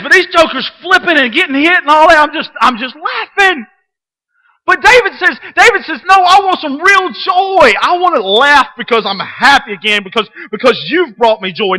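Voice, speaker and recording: Middle-aged guy preaching to a church class, real high bright voice, goes quiet then loud, repeats stuff a lot. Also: rough recording. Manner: impassioned, repeats himself, swings from hushed to loud. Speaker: Sunday school teacher. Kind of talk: sermon. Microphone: webcam.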